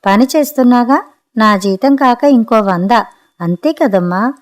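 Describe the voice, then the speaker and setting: A woman's voice: on the high side, unhurried, close to an everyday voice. A woman voicing a working-class housemaid, pleading in rustic colloquial speech.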